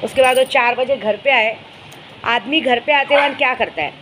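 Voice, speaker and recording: A woman's voice: high voice, moderate pace, a bit bright, a little hiss or hum, rough recording. A woman speaking, a spiritual guide chatting casually to her followers and telling stories with fond asides. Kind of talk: casual vlog chat to followers.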